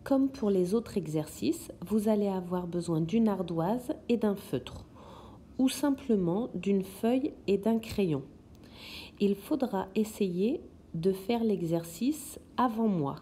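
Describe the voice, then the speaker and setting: Slow, patient woman teacher. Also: medium pitch, lively intonation, mellow, slight background noise. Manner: slow, patient, sounds out words syllable by syllable. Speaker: kindergarten teacher. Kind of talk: recorded remote lesson for young children.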